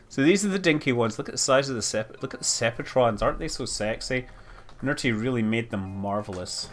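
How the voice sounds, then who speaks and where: Playing a space building game on a live stream, this man offers casual, rambling commentary, musing aloud and exclaiming at little details. His voice is mid-range with a fairly bright tone.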